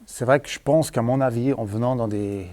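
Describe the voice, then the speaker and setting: A former tunnel worker turned vlogger tells stories to the camera, chatting casually and hesitantly in colloquial speech that trails off with tags. His mid-range voice has a darkish tone and a brisk pace, picked up by a handheld mic at arm's length.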